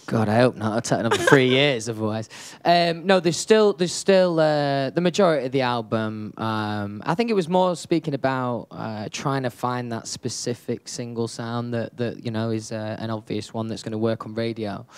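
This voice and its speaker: A man's voice: mid-range voice, moderate pace, few pauses, clear, resonant tone, dry recording. A young man answering questions in a casual radio interview, laid-back and hesitant, with lots of fillers. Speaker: interview guest, singer.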